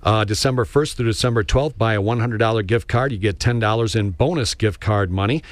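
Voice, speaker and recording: A man's voice: fairly low pitch, fairly quick, no room sound. A man hosting a local radio interview in a folksy, conversational way. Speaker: radio host. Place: radio studio.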